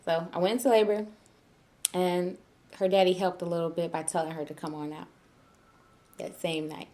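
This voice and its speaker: A young woman, telling a story casually and animatedly, laughing often and acting out her own shouting. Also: fairly low pitch, flat delivery, normal speed. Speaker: new mother vlogger.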